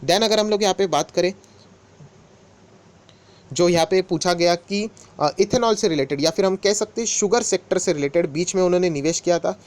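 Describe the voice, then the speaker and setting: A man's voice: sits high, moderate pace. A man explaining stock market news to his viewers in a casual, conversational way. He talks to them directly as friends and keeps repeating the same filler phrases. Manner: conversational, mixes English words into Hindi, repeats filler phrases.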